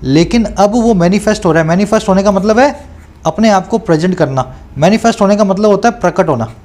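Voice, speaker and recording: A man coaching students through an exam paper, reading English questions out slowly and explaining them, often checking that they follow. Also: sits high, a little mellow. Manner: reads English questions aloud slowly, then explains in Hindi.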